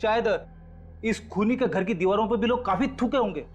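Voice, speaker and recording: An actor playing an excitable, grumbling junior policeman for comic effect in a TV crime drama. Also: sits high, brisk, lightly acted. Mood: eager. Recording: music behind the voice.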